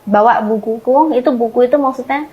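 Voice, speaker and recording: Earnest woman telling her story, slightly high voice. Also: a little fast, breathy edge, dull audio. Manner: earnest, lively retelling that trails off softly at phrase ends. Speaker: guest sharing her conversion story. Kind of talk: casual storytelling interview.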